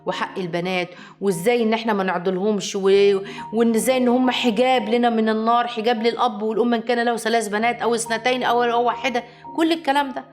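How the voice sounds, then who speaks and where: A woman with an Egyptian accent giving a lively advice lecture to viewers, acting out quoted people as she talks. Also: fairly high pitch, racing, faint music behind. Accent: Egyptian Arabic. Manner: animated, acts out quoted voices. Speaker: family advice speaker.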